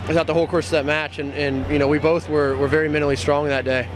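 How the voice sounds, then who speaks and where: A man talks quickly in a slightly high voice, answering as an interviewed athlete. His phrasing is hesitant and repetitive, over noisy outdoor street ambience. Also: level tone. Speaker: tennis player being interviewed.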